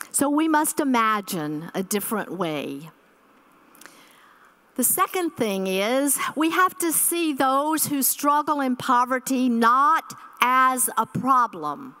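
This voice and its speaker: A woman's voice: a little high, pushed and bright, smooth. A woman in her sixties giving an earnest keynote address at a church conference, speaking from a podium microphone on a hall stage and repeating key phrases.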